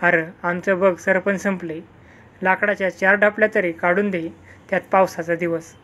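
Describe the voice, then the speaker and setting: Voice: mid-range voice, flat delivery, moderate pace, fairly bright tone, lightly acted. A storyteller voicing a pushy village woman who nags about firewood. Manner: pushy, nagging. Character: schoolmaster's wife, pushy and scolding.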